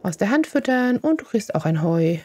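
Mellow woman cooing over game animals. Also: mid-range voice, very animated, normal speed. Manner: coos fondly at her game animals. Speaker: let's play host. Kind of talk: casual gaming commentary.

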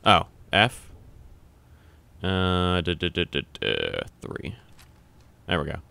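Sitting low and sounding gravelly yet clean, this young man speaks slowly but very animatedly in a dry recording. He's a gamer on camera giving casual let's-play commentary, chatting, reading on-screen text aloud, and yelping and swearing loudly when startled.

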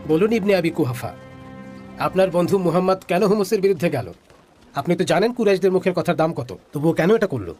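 Dub casting: a demanding elder, fast, slightly high. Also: male voice, big pitch swings, darkish tone, soft background music. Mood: probing. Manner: questioning, demanding. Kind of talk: dubbed drama dialogue.

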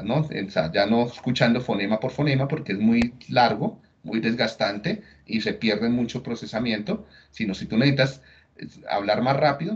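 A man giving a lecture on slides, talking conversationally and often checking in with tag questions. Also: lowish voice. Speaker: neuroscience lecturer. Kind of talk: recorded lecture explaining slides. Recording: dull lo-fi recording.

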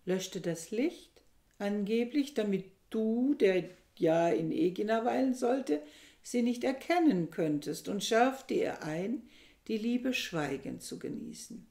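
A woman reading a novel aloud with measured, dramatic storytelling. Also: medium pitch, mellow. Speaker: reader. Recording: echoey room.

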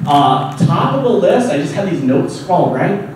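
A man in his forties doing halting, rambling stand-up, awkwardly bombing with his jokes on a small coffee shop stage. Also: high voice, sing-song, darkish tone. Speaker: stand-up comedian. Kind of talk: stand-up comedy to a small crowd. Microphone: handheld stage mic heard from far camera. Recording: echoey room, distant camera, background noise.

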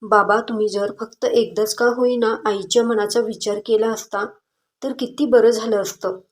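A woman's voice: fairly high pitch, steady tone, normal speed, natural voice. A woman voicing a determined young daughter who speaks up firmly and earnestly in a story reading. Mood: defiant. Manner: firm, earnest pleading.

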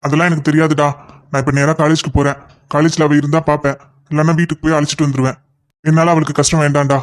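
A man's voice: a little high, flat delivery, close to an everyday voice. A man voicing a pushy young cartoon lover. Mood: eager. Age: young adult. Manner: rapid, insistent scolding. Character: young male lover, impatient and scolding. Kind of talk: cartoon voice acting.

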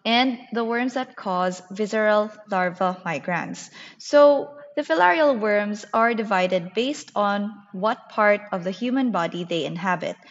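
A woman lecturer explaining material to her class in a scripted, teacherly slide lecture. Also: medium pitch. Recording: muffled, reverberant narrated slide recording.

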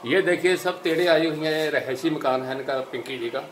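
Recorded on a camera mic amid slight background noise, a man with a Punjabi accent gives a walking report at a village house for social video. His voice is a little high at normal speed, and he earnestly points things out, often repeating himself.

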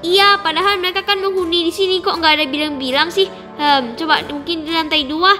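A woman's voice: very high-pitched, fairly even intonation, a little fast, pushed and bright, soft background music. A woman voicing a sceptical, scolding young police officer in a children's role-play, full of exclamations and questions. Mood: puzzled.

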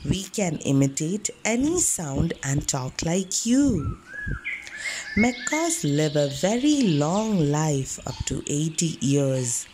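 A woman's voice: low-pitched, sing-song, takes it slowly, noisy background, full character voice. A woman voicing a friendly cartoon macaw, narrating educational facts directly to children. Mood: friendly, instructive. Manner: presentational, addresses children directly.

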